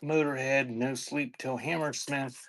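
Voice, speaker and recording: This man runs a live online sale of vintage cassettes, reading out items and chatting in an offhand, casual stream style. His voice is mid-range and fairly bright, with a steady tone and measured pace.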